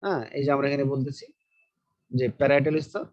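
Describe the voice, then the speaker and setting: A man's voice: medium pitch, quick pace, a little mellow, dull audio. A man teaching a biology lecture, asking questions and answering them himself while repeating key terms. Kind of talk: online lecture.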